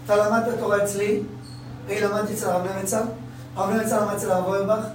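A man with a very high voice leads a Talmud class, repeating key phrases and throwing questions at his listeners. He sounds distant, caught in a strongly echoing room. A faint noise sits under the talk. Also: little pitch movement. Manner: repeats phrases, quizzes listeners, acts out quotes. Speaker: religious teacher.

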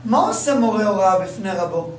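A man's voice: sits high, lively intonation, heavy reverb. A man teaching a religious class, repeating phrases and quizzing his listeners, recorded from a distance in a room with faint background noise. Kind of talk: Talmud class.

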